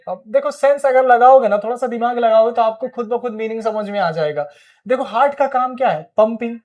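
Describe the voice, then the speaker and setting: A man's voice: very high-pitched, a little mellow. A man with an Indian accent teaching spoken English, explaining in Hindi and prompting viewers to repeat phrases. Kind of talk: energetic classroom-style lesson.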